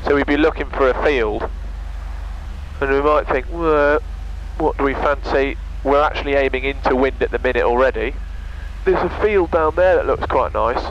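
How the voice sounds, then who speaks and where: A pilot chats casually with his passenger while flying a small aircraft, a microlight, speaking from the cockpit through an aircraft headset. His voice is mid-range at a normal speed, and the headset audio is dull with loud engine noise.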